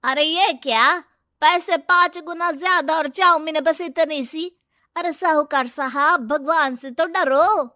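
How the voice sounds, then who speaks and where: A woman voicing village folk and a flattering moneylender's wife in a moral story cartoon, exclaiming in a folksy way. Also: high voice, takes it slowly, dry recording, studio quality, full character voice. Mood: questioning.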